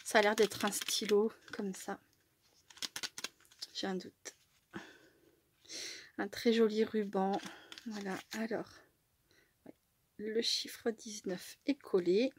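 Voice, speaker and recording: A woman's voice: medium pitch, fairly even intonation, slow pace, long pauses, background noise. A woman chatting casually as a crafting vlogger while unboxing, with many fillers and small laughs.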